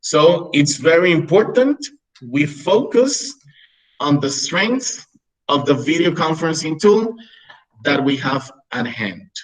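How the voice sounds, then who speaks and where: A man in his thirties from Peru, a native Spanish speaker, teaches English teachers in a webinar held over video call. He speaks slowly in a fairly high, sing-song voice, explaining carefully and often checking in with "right?" The recording is rough.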